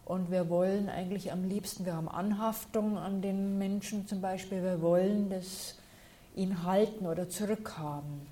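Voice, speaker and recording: Mellow-voiced woman teaching calmly. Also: medium pitch, normal speed. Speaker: meditation teacher. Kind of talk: answering questions in a talk.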